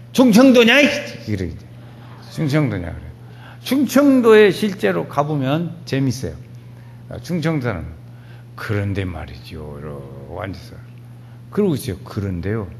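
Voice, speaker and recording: A male pastor preaching a sermon in a folksy, animated storytelling manner, with sudden loud rises. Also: fairly high pitch.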